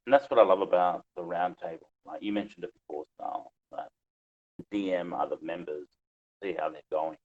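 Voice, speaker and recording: A man's voice: sits low, normal speed. A man speaking earnestly and a little hesitantly on a casual discussion podcast. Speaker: podcast panelist. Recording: dull lo-fi mic.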